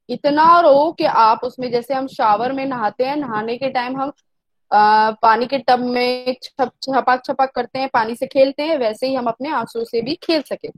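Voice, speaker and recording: A woman's voice: high-pitched, dry recording, poor audio. A woman teacher explains a poem, repeating herself and asking and answering her own questions. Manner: mixes Hindi with English lines.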